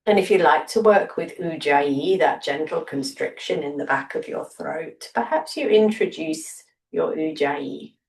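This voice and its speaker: A woman softly guiding a breathing meditation, slow and soothing with long pauses. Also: sits low, gravelly, echoey room, recorded from a distance. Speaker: breathwork teacher.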